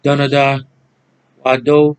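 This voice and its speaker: A man's voice: medium pitch, monotone, slow, clear, resonant tone, poor audio. A man, ranting angrily to his viewers in a repetitive monologue, cursing as he goes. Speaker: channel host. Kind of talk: angry monologue to camera.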